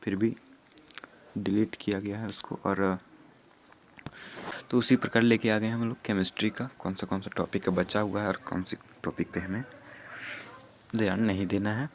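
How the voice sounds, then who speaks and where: Low gravelly guy teaching, going through a syllabus list, faint crickets behind. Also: normal speed, pauses often, a little hiss or hum. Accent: Jharkhand Hindi. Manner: steady listing of topics, with fillers. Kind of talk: explaining a syllabus.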